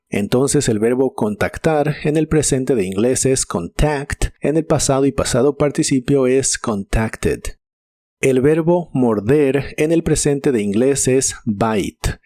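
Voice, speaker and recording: An English teacher with a medium-pitched, dark voice, recorded dry, narrates a scripted vocabulary lesson. He drills pronunciation slowly and deliberately, spelling out and repeating each word.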